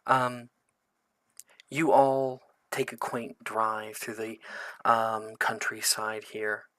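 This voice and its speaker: A man's voice: lowish voice, monotone, very slow, sharp tone. A man running a tabletop game as game master, narrating loosely with frequent ums and likes.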